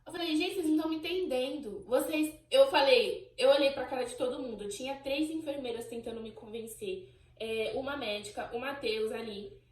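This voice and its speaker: A young Brazilian woman telling her own story on her channel in an emotional, animated way, acting out what people said. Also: a little high, normal speed, roomy sound, recorded from a distance, low-quality recording. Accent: Brazilian Portuguese. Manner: emotional, animated storytelling, voicing remembered exchanges. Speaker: channel host. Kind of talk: personal birth story vlog.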